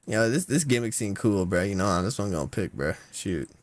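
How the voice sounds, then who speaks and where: Young dude venting while ranking stuff, slangy, super animated voice, dry mic. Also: male voice, on the low side, brisk, dry recording. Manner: slangy, exasperated, breaks into loud outbursts. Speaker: content creator. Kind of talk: casual reaction commentary.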